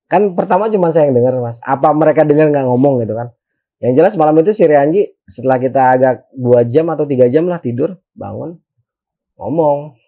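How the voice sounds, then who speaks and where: A man with a Jakarta accent telling a story as a guest in a casual, animated, slangy way, often turning to address the host. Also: fairly high pitch, lo-fi sound. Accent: Jakarta Indonesian.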